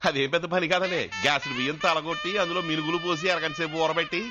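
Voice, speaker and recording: A man's voice: fairly high pitch, steady tone, rapid-fire, close to an everyday voice. A man dubbing a timid, talkative village man in a comedy film, pleading and rambling. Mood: chatty. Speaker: dubbing actor. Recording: dull film audio with music.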